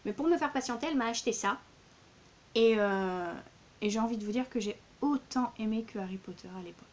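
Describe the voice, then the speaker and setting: Woman book vlogger, casual and gushing, many fillers, a bit high-pitched, light hiss on the track. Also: a little fast. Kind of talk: casual book haul vlog.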